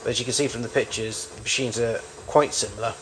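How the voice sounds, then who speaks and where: In a steady, slightly bright medium-pitched voice, a man presents his vintage tape recorders one at a time. The hobbyist's unscripted commentary is informal, halting and rambling, with frequent self-corrections.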